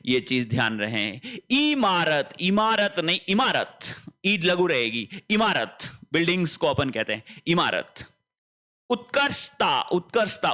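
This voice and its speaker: With a fairly high pitch and a bright, forceful tone, a male Hindi teacher drills spelling. His delivery is emphatic and repetitive, full of rhetorical questions.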